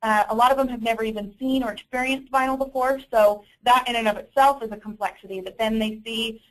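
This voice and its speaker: A woman with a fairly high voice presents a business training webinar over a conference call. She explains things informally and often corrects herself mid-sentence. She comes across as slightly apologetic throughout. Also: steady tone, fast talker, rough recording. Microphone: conference call audio.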